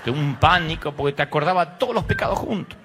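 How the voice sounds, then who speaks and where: A man's voice: a little high, expressive, fast, background noise. A middle-aged Argentine man preaching a humorous sermon, telling stories with acted voices and sound effects. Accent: Argentine Spanish. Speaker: pastor.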